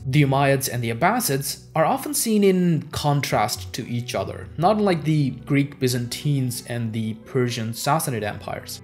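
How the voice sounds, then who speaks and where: Over background music in a small indoor home office, a young adult history channel host whose first language is Urdu narrates history from a script for educational purposes. His voice is on the high side and a little mellow.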